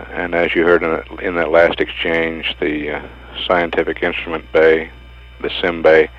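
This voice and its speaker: A man giving formal mission status announcements from mission control, heard through muffled broadcast audio with a hum. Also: sits low. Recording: dull lo-fi broadcast with mains hum.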